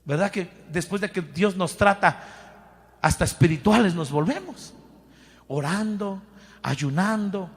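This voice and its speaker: A man preaching a fervent sermon with a Mexican Spanish accent, often shouting and calling on the congregation to repeat after him. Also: high voice, expressive, a little slow, slightly rough, long reverb tail.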